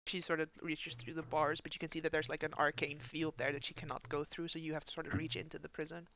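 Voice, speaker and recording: A woman narrating as game master of a tabletop game, chatty with quick asides to the players. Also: low-pitched, little pitch movement, fairly bright tone.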